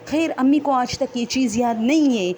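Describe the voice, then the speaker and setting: A woman's voice: high voice, darkish tone, a little hiss or hum. A woman telling her own horror story in a rambling, unscripted, conversational way.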